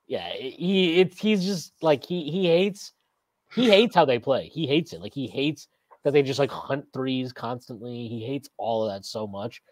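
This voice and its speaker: A man in his thirties hosts a casual postgame sports podcast on a video call from a small indoor room, using a webcam mic with a dry sound. His medium-pitched voice has lively intonation and a slightly slow pace, and he rambles, reads viewer comments and laughs frequently.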